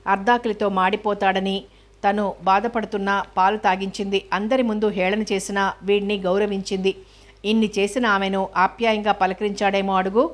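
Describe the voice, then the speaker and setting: A woman's voice: mid-range voice, little pitch movement, normal speed, close to an everyday voice. A woman reading the lines of a hot-tempered male friend who scolds bluntly, in a storybook reading. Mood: scolding. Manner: scolding and forthright.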